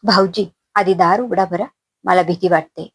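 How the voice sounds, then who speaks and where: A woman voicing a frightened young wife who pleads and pushes back, with a husky, raised voice. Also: on the low side, steady tone, normal speed.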